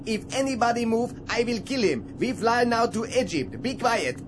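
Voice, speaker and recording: Guy playing a dumb hijacker barking in broken english, highish voice, comedy sketch. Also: expressive, moderate pace, noisy background. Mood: threatening. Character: blustering foreign male plane hijacker, gullible.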